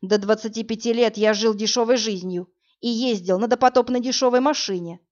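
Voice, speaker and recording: A woman voicing a cold, pragmatic wealthy married businessman in an audiobook, speaking in a dry, calm, lecturing way. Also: fairly high pitch, fairly quick, lightly acted. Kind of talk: audiobook character reading. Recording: dull lo-fi audio with faint music.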